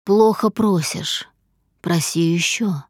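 A woman reading a controlling husband in a lowered, slow, stern voice for an audiobook. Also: expressive, darkish tone, no echo, studio quality. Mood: stern, coaxing. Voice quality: low, measured, slow and stern. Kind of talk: audiobook character voice.

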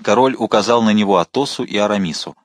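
A male narrator reads an adventure novel aloud with dramatic expression. His voice sits fairly low and sounds dry and close, with no room echo. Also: quick pace. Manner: expressive, shifting to voice the characters. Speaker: audiobook narrator.

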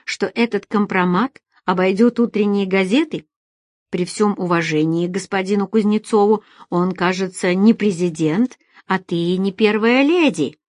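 A woman's voice: mid-range voice, normal speed, no echo, studio quality, close to an everyday voice. Female narrator as a proud young holiday lover, wry and defensive, plain reading voice. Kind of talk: audiobook character voice.

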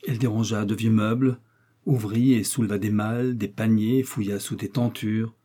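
Male audiobook reader, mellow husky tone, steady novel narration. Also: fairly low pitch, normal speed. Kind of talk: scripted narration of a wartime novel.

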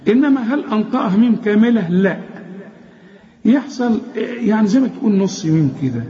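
A man with an Egyptian accent gives a tajweed lesson in a high, mellow voice. He explains each rule plainly and then chants the example verse slowly. The recording is a bit dull and lo-fi. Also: expressive. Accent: Egyptian Arabic. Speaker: Quran recitation teacher.

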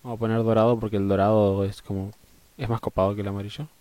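A man's voice: lowish voice, flat delivery, quick pace, dark tone, no echo. A man with an Argentine Spanish accent chatting casually and swearing as a live game streamer, often muttering to himself.

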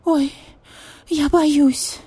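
A pampered Persian cat lady who whines and begs in a thin, squeaky voice. She is capricious and demanding, and her pitch sits far above the narrator's own. It is told as a storybook audiobook. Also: expressive, moderate pace, mellow. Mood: whiny. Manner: whiny, squeaky and pleading.

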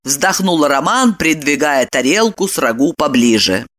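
A woman narrating an audiobook in an expressive storytelling manner. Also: deep voice, a little slow. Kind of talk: scripted narration.

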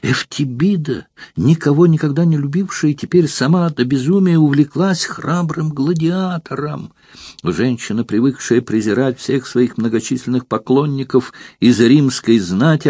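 A man narrating a literary novel in a measured, expressive storytelling manner. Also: mid-range voice, slightly rough, no room sound. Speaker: audiobook narrator.

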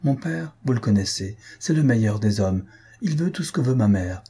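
A man reading a timid young woman who pleads and refuses in a raised, soft tone. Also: medium pitch, lively intonation, normal speed, husky. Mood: sorrowful.

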